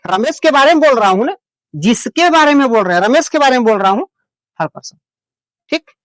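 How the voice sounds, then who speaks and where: A man's voice: extremely high pitch, expressive, a little fast, a bit bright, no room sound. A man teaching English to beginners, patient and homely, repeating each point and reassuring his learners. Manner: plain homely way of explaining. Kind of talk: beginner lesson explained in Hindi.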